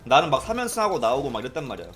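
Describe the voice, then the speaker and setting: A young man from South Korea casually telling stories, animated and often mimicking people he quotes. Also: mid-range voice, rapid-fire, slight background noise. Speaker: streamer recalling arcade days. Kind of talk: casual storytelling chat.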